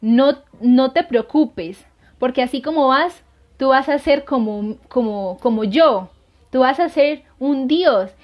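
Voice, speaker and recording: A woman voicing a sly flattering demon. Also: sits high, takes it slowly. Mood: coaxing. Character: sly male demon tempting a saint. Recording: dull lo-fi sound.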